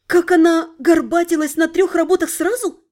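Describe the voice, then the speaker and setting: High-voiced woman narrating an audiobook. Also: fairly even intonation, moderate pace, a little mellow. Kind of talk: scripted narration.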